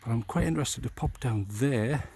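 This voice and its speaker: A middle-aged man talks into a handheld camera outdoors among old ruins. His voice sits at an ordinary middle pitch. He chats and cracks jokes as he points things out. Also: normal speed, a little mellow, slight background noise. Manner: chatty, jokey, talks to camera. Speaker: vlogger. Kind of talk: casual walking tour commentary. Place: outdoors at a castle ruin. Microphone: camera held by the speaker.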